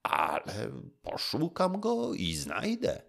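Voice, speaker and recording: A man's voice: on the high side, wildly swooping pitch, takes it slowly, vocal fry, a bit bright, voice pushed up, heavily acted. A man doing a haughty flustered courtier. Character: haughty scurrying male courtier.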